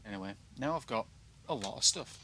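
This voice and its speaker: Fairly low-pitched, gravelly yet bright and forceful, a British man's voice moves fairly quickly with lively intonation as he talks through a video game. He uses glottal stops for his T's, chats casually and runs himself down, while noticeable background noise fills the recording.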